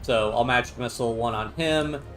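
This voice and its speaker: A man streaming a game, chatting casually and thinking out loud about his moves, with game music behind. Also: medium pitch, fairly quick. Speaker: gaming streamer. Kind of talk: casual gameplay commentary.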